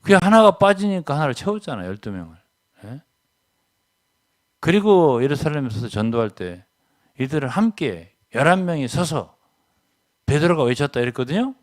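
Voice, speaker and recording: An older man preaching a sermon as a pastor, emphatic, often checking in with the congregation with a quick question. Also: sing-song. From South Korea. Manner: emphatic, keeps asking "예?" to the congregation; swings between loud stresses and low asides.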